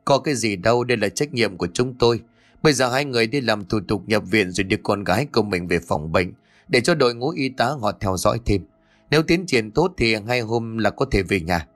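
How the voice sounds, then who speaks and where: A man doing a calm older doctor. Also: lowish voice, soft background music, natural voice. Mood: reassuring. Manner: measured, brisk reassurance.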